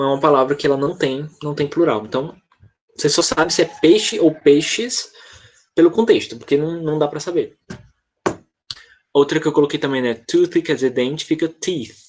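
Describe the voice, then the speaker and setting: A man's voice: on the high side, breathy edge. A Brazilian man teaching an online English class, explaining patiently and often checking in with the students.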